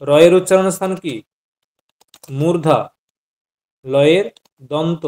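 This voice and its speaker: A man's voice: a little high, slow, darkish tone. A man teaching Sanskrit grammar in an online class, patiently quizzing his students and repeating each point.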